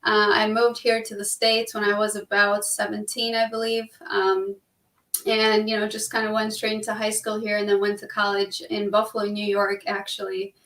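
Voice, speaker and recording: A young Albanian woman, a real estate investor, chats as a guest on a talk show, friendly, easygoing and quick to laugh. Her mid-range, slightly bright voice stays completely flat at normal speed. The remote call audio sounds distant and roomy.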